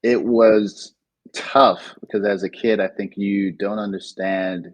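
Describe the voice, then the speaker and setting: Husky-voiced Nigerian-born man telling his story. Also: lowish voice, slow, dry recording, rough recording. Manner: reflective, frequent restarts, animated when recounting. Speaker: interview guest, digital entrepreneur. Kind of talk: casual storytelling interview.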